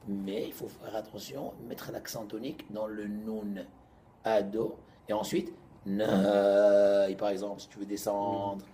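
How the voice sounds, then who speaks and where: Man, rabbi, informal lesson, animated and jokey, warm dark tone, light background noise. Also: fairly low pitch, moderate pace, few pauses. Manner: animated, jokey, swings from loud bursts to quiet asides. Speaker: rabbi teaching a class. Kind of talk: informal Torah class with students.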